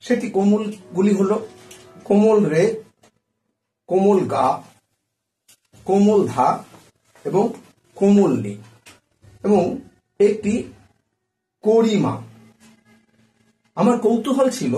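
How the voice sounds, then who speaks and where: Slow, measured male music teacher. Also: sits high, warm tone. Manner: measured, spells out note names one by one. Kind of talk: slow explanatory music lesson. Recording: echoey room.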